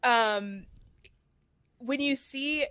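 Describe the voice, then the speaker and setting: Higher-voiced woman game master, giggly and casual, dry close sound. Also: very slow, a bit bright, smooth, no room sound. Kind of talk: tabletop game narration.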